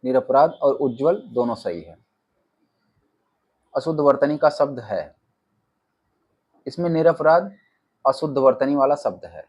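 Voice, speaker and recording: Husky man rattling off quiz answers. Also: mid-range voice, dull audio. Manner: reads options, then states the answer flatly. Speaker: exam coaching teacher. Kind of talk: rapid-fire quiz answer walkthrough.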